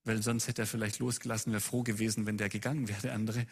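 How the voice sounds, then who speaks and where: A man's voice: on the low side, flat delivery, fast talker, husky. A man preaching a sermon who presses his listeners with a long run of urgent rhetorical questions.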